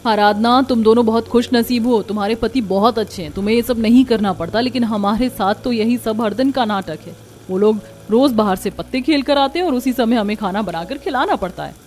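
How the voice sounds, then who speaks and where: A woman voicing a weary, resigned elder sister-in-law in a cartoon, speaking in a low-key way. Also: brisk, a little mellow, natural voice. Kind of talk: cartoon voice acting.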